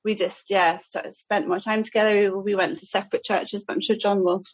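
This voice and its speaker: A woman's voice: medium pitch, little pitch movement, fairly quick. Casting: woman, Northern Irish accent, mid-range voice, chatty hesitant storyteller, slightly muffled lo-fi sound. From Portadown, Northern Ireland. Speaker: podcast guest. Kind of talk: casual personal storytelling.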